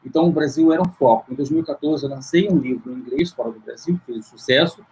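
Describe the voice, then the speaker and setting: A man's voice: a little high, fast, a little mellow, a little hiss or hum, poor audio. A middle-aged man from Rio de Janeiro, a guest on a video call, telling his story at length with many fillers and restarts. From Rio de Janeiro, Brazil. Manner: long rambling account with many fillers and restarts. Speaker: guest, luxury market CEO. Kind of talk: interview over video call.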